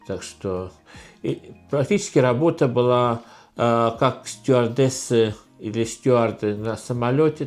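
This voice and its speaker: A middle-aged Estonian man, the channel host, chats casually in a Q&A vlog with an Estonian accent. His lowish, slightly mellow voice halts often, full of fillers and restarts.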